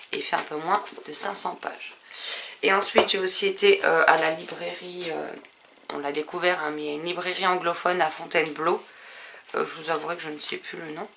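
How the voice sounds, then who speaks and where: A woman's voice: deep voice, creaky, sharp tone, slight background noise. A woman vlogger chatting casually about her book purchases, rambling and full of hesitations. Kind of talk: casual book haul chat.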